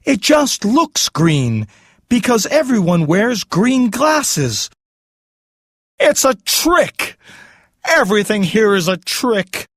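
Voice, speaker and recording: A man's voice: high voice, big pitch swings, slow pace, fairly bright tone, no room sound, clean studio sound, pitched above the performer's own voice, heavily acted. A man voicing a blunt, cheerful scarecrow in a storybook reading.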